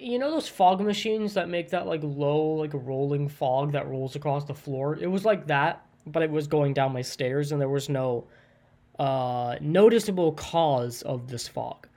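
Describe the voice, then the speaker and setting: An easygoing solo podcaster talking through stories in a loose, unscripted way. The speech wanders, is full of fillers, and keeps circling back to explain a detail again. The pitch sits in the middle, neither high nor low. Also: a little mellow. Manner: rambling, lots of likes and ums; stops often to clarify and rephrase. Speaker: podcast host. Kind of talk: casual solo podcast storytelling.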